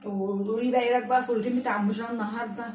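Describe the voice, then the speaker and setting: Fast-talking Egyptian woman in echoey room. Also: fairly high pitch, fairly even intonation, darkish tone. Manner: chatty, affectionate toward viewers. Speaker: home vlogger and mother. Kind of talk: casual chat to viewers. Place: home indoors. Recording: echoey room, distant mic, noisy.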